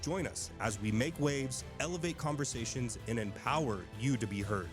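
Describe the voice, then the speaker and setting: Guy doing a slick podcast intro, mid pitch voice, loud music behind. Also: normal speed. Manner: smooth, promotional delivery. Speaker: podcast host. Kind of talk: scripted show intro. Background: music bed.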